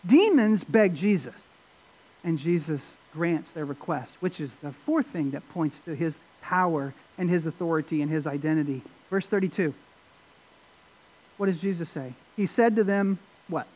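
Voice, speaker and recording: A man preaching a sermon, emphatic, with rhetorical questions and sudden swings between loud and quiet. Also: a little high, moderate pace. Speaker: pastor.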